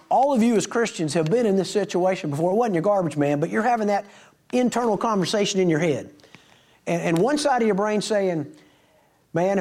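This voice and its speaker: With a high, somewhat mellow voice, a middle-aged preacher shares folksy stories with his flock. He plays out each bit of dialogue as part of the sermon.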